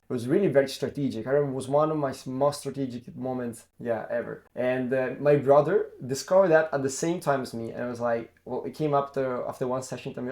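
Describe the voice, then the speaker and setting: Young adult male, ex-racer vlogging; casual, animated storytelling with frequent self-corrections. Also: mid-range voice. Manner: lively anecdote-telling, acts out quoted dialogue. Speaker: former racing driver and karting coach.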